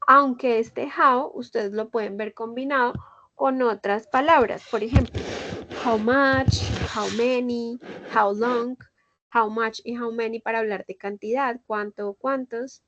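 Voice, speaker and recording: A woman with a slightly high voice teaches English over a video call, walking through each point step by step. Her voice is close and dry, with dull, lo-fi call audio. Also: fairly even intonation, measured pace, fairly bright tone, no echo. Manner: explains step by step with Spanish and English examples. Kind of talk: online class explanation.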